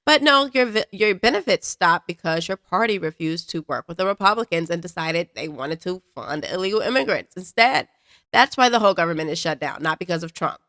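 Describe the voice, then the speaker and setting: A woman's voice: fairly low pitch, a bit bright, dry recording, clean studio sound. A woman hosting a commentary show, lecturing in a scornful tone. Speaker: commentary host. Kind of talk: political commentary.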